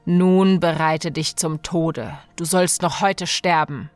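A woman's voice: sits low, fairly even intonation, takes it slowly, no room sound, faint music behind. A woman voicing a cruel, murderous husband who speaks in a cold, commanding, wrathful way. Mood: menacing.

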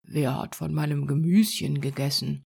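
A woman's voice: low voice, fairly even intonation, normal speed, creaky, mellow, slightly rough, voice pushed down, heavily acted. A woman voicing seven small kindly male dwarfs in a whispered role-play, asking earnest questions. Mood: puzzled.

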